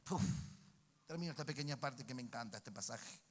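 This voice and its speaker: A man with a Rioplatense Spanish accent preaching a sermon as pastor, calling out to the congregation for responses and moving between loud, emphatic peaks and hushed, intimate passages. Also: medium pitch, expressive, brisk. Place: church sanctuary. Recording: church hall reverb.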